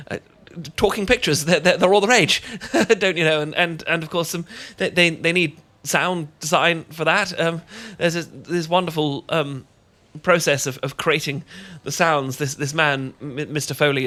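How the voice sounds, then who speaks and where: Flustered and excited, a young adult man with an English accent plays a bashful, courteous vampire gentleman of old-fashioned manners in an ASMR romance roleplay, frequently stumbling as he speaks. His voice is pitched fairly high.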